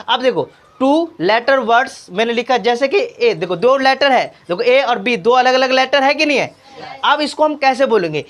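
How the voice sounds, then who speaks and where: A man's voice: extremely high pitch, fairly bright tone. A man tutoring a child in a small class, patiently drilling sounds with repeated questions and encouragement. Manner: patient, repetitive drilling with constant questions to the pupil; encouraging, urges speaking out and making mistakes. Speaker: tuition teacher. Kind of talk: spoken English reading lesson for a child. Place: small tuition class indoors.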